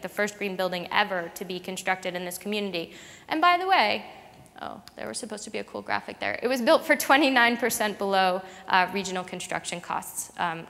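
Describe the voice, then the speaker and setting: A woman's voice: medium pitch, a bit bright. A woman giving a conversational conference talk, with many fillers and restarts. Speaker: conference speaker. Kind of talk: presentation talk to an audience. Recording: long hall reverb.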